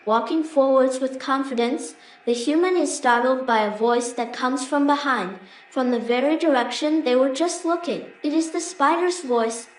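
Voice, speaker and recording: A woman's voice: sits high, normal speed, recorded from a distance. A woman reading scripted narration for a fantasy story as the narrator. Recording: roomy echo, faint background noise.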